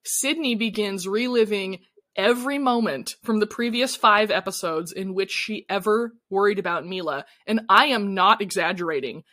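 A woman co-hosting a casual podcast recaps a TV episode with great animation, acting out the characters' lines. Her mid-range voice is pushed and bright, at a normal speed.

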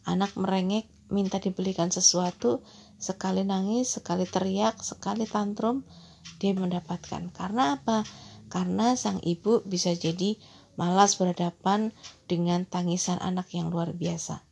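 A woman giving a calm, measured Islamic talk on parenting, speaking directly to her listeners. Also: fairly low pitch, vocal fry, breathy edge. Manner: calm, measured, addresses listeners as brothers and sisters.

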